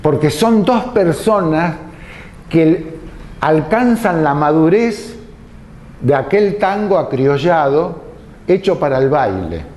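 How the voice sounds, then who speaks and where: A man lecturing at an unhurried, measured pace. His fairly high voice rises and falls widely as he explains, stopping to pose rhetorical questions before answering them himself. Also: animated, darkish tone, slight background noise. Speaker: tango lecturer.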